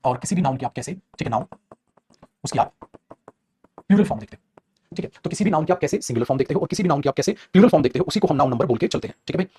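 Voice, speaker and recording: Male teacher, young adult, husky, rapid and repetitive, live class lecture. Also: on the high side, expressive, darkish tone. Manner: fast, repetitive, calls students beta. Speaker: English grammar teacher.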